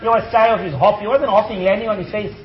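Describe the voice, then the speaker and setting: A male preacher giving a storytelling sermon, animated and acting out animal voices. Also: high voice, fast talker. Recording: echoey, slightly dull room recording.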